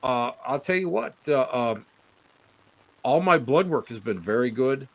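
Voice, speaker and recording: An older man from Western New York chatting casually on a podcast, animated and teasing, often laughing. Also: medium pitch, moderate pace. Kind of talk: casual chat.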